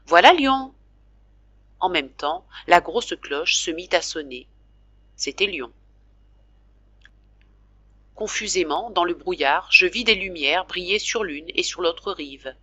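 A woman reading a classic novel aloud as an audiobook narrator, expressive, jumping high in pitch for the characters' cries. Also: husky, no echo. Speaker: audiobook reader.

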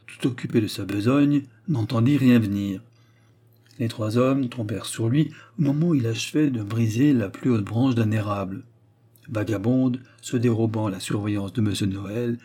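Man, audiobook narrator, measured, dark tone, husky. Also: medium pitch. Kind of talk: reading of a novel.

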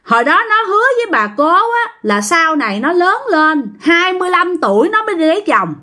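A woman's voice: a little high, expressive, moderate pace, a bit bright. A woman voicing the spirit of a dead young man who speaks through a living relative and scolds harshly. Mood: angry scolding.

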